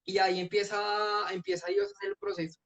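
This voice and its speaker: Young man, high gravelly voice, earnest testimony, dull lo-fi recording. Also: big pitch swings, fast. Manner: earnest storytelling with frequent restarts. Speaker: guest giving his testimony. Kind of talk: personal testimony in a church youth meeting. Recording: dull lo-fi sound.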